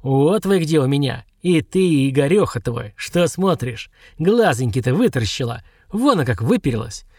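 A man's voice: medium pitch, very animated, normal speed, few pauses, breathy edge, no echo, studio quality. A man voicing a drunken, hulking village woman who screeches hateful accusations. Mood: drunken screeching.

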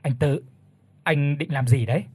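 Guy as a worried old grandpa, urgent and husky, narrated ghost story. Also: on the high side, moderate pace, darkish tone. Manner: urgent, wondering.

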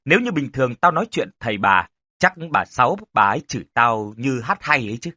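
A man's voice: mid-range voice, very animated, a little fast, pushed and bright, no room sound, clean studio sound. A man voicing a stern older rural uncle who deals with spirits, grave and commanding.

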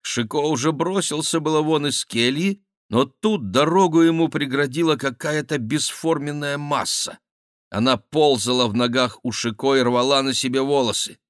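A man narrating a novel as an audiobook reader, measured and even. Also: mid-range voice, no echo, clean studio sound. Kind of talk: scripted literary narration.

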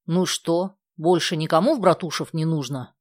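A woman reading aloud and voicing a male bus driver who talks in a loud, offhand, breezy way. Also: sits low, moderate pace, no echo, clean studio sound.

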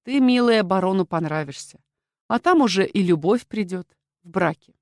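A woman's voice: medium pitch, animated, normal speed, darkish tone, no echo, clean studio sound, lightly acted. A woman voicing a scheming count, the heroine's smug older brother, who talks down to her in a soothing way. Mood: condescending.

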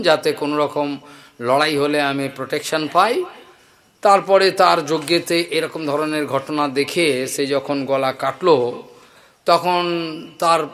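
A man giving a devotional scripture discourse, chanting verses slowly and telling stories in an animated way. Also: a little high. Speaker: Bhagavata preacher.

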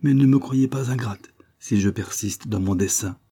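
A man with a husky voice voicing a frail, grieving woman governess who speaks wearily, sometimes near a whisper. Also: sits low, fairly even intonation, fairly quick, mellow. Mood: sorrowful. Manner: weary, sad, sometimes whispered. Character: sorrowful frail woman governess hiding her past.

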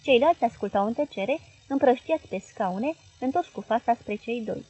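A woman narrating a literary novel as an audiobook reader, in a measured, expressive way with a husky voice. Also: on the high side, lo-fi sound.

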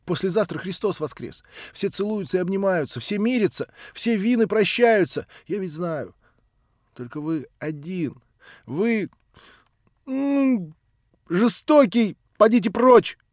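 A man's voice: sits high, lively intonation, unhurried, dry recording, studio quality, voice pushed up. A man voicing a proud, tormented orphan girl who bursts out tearfully and shrilly. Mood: hysterical.

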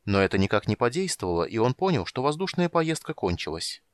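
A man narrating an audiobook in an expressive, animated reading. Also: medium pitch, fast, no room sound, studio quality.

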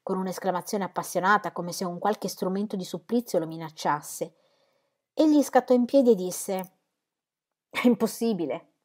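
A woman reading a classic novel aloud as an audiobook, calm and even. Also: medium pitch, normal speed. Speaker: audiobook reader. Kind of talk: literary audiobook narration.

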